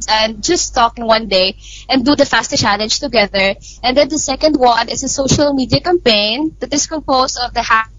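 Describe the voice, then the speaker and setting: A young woman from Manila speaks with a Filipino accent as an interview guest and youth activist, explaining things in a slightly high, somewhat bright voice. There's no room sound, but the remote connection makes the audio dull and lo-fi.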